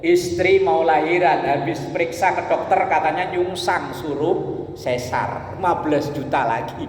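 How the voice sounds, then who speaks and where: A man's voice: on the high side, unhurried. A man, preaching in a joking, storytelling way and often turning to address the men listening. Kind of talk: humorous religious talk. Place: prayer gathering hall. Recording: echoey hall with long reverb, faint noise.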